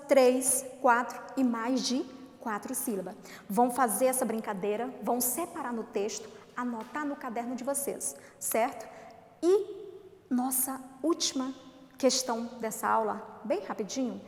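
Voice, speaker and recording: A Brazilian woman teaching a remote lesson to young children. She talks slowly and coaxingly, asking questions and answering them herself. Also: fairly high pitch. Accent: Brazilian Portuguese. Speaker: primary school teacher. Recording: echoey room with long reverb.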